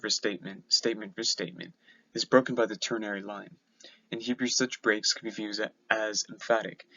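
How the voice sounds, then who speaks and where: A man's voice: lowish voice, fairly bright tone. A young man giving a lesson on biblical poetry, reading out points and then explaining them with frequent ums and restarts. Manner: hesitant, many ums and restarts when explaining. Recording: slightly dull, lo-fi sound.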